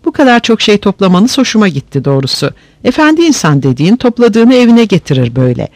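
A man voicing a greedy, shrill old village wife in a read-aloud story, demanding and shrieking. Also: big pitch swings, fast, creaky, darkish tone, dry recording, full character voice.

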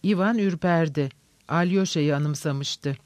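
Guy reading a novel out, steady, highish voice, dry. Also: measured pace, no echo. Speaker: narrator. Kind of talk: audiobook narration of a novel.

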